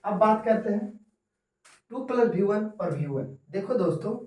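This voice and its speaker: A man teaching English grammar in Hindi, repeating each example slowly and often calling his viewers friends. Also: high-pitched, expressive, a little mellow, recorded from a distance. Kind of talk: Hindi-medium grammar lesson. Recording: echoey room, voice from off-mic.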